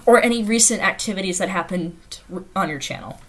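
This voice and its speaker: On a noisy home livestream, an American woman from the Carolinas reads viewer comments aloud in a giggly, informal way. Her voice sits mid-range and moves at a quick pace.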